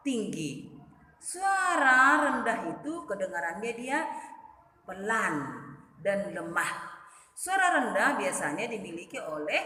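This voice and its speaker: A woman teacher talks to young pupils in a bright, sing-song voice, stretching some words and rising and falling a lot in pitch. She records her lesson in a room that rings with a long, echoey reverb. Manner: sing-song teacherly address to children, lively and drawn-out. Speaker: primary school teacher. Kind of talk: recorded online class lesson.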